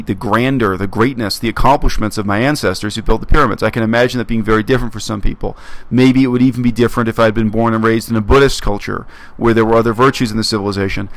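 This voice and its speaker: A man from Canada talking earnestly to his viewers in a casual monologue, reflective and halting, often restarting his phrases. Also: medium pitch, no echo. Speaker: YouTube commentator.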